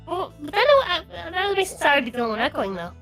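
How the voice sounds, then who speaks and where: A woman's voice: very high voice, very animated, normal speed, fairly bright tone, soft background music. A woman chatting casually on an online call as a stream guest, her voice echoing back from a second device. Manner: chatty, troubleshooting tech with lots of fillers. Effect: echo from her voice playing back through a second device. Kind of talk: casual livestream chat over a call.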